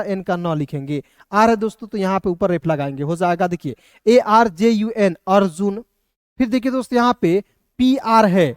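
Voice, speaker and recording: A man teaching a spelling lesson, slowly spelling words out letter by letter and checking that listeners follow. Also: sits high, clear, resonant tone, dry recording, studio quality. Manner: slow, patient, repeats letters one by one; calls listeners "friends" often.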